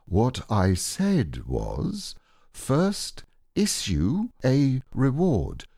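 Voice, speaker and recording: A man's voice: mid-range voice, wildly swooping pitch, drawn-out words, vocal fry, warm tone, breathy edge, dry recording, clean studio sound, pitched above the performer's own voice, exaggerated voice. A man voicing a self-important, long-winded storybook owl with a pompous, explanatory way of talking. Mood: affronted. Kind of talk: storybook character reading.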